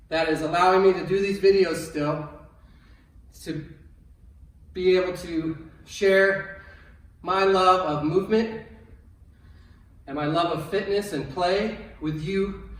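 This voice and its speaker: A man, a PE coach leading an online fitness class, upbeat and encouraging, calm when guiding. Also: high voice, takes it slowly, long pauses, very echoey, recorded from a distance, rough recording.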